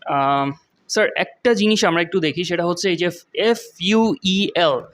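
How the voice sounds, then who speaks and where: A young man, teaching English vocabulary in a casual lesson, reading English examples slowly and explaining them with many fillers. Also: high-pitched, a bit bright. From Bangladesh. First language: Bengali.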